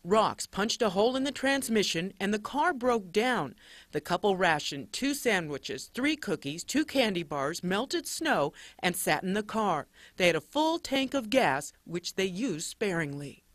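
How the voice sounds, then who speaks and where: Animated woman narrating a news report. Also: mid-range voice, measured pace, dry recording.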